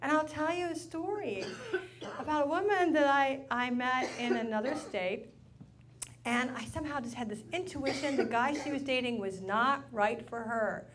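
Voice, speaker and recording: A woman giving a playful relationship talk to a live audience, often asking the room questions. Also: high voice. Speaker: relationship speaker.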